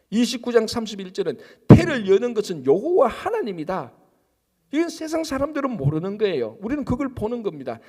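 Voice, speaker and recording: Man preaching a sermon, high lively voice, echoey church hall. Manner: animated, asks rhetorical questions and answers them. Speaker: pastor. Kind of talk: sermon at an early-morning service. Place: church sanctuary.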